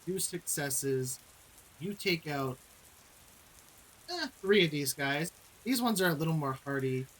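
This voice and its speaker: A man's voice: a little high, lively intonation, a bit bright, low-quality recording. A man acting as game master, narrating combat and calling for dice rolls in a tabletop game. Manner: measured, calls for rolls and narrates combat results.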